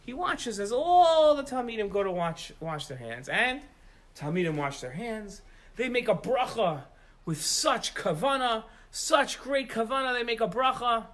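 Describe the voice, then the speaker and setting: A man telling a story to children with animated, emphatic delivery, outdoors in the rain. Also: very high voice, poor audio.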